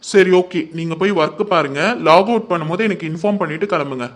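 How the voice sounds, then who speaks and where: A man's voice: on the high side, quick pace, natural voice. A man voicing a polite office manager explaining a company rule. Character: calm male office manager.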